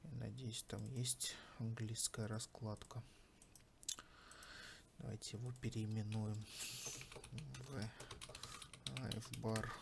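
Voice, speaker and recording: A man with a lowish voice gives a casual tutorial, thinking aloud as he works. His delivery is unhurried and quite monotone. There is faint noise with keyboard clicks behind him. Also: gravelly. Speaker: tutorial host.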